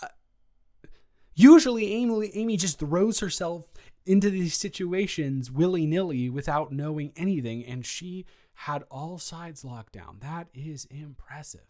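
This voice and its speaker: Sounding impressed and musing, a young man improvises the part of a rambling, awkward, eager ex-boyfriend in a romantic roleplay audio. His natural voice sits on the high side with a dark tone, and his speech comes out stammering and halting.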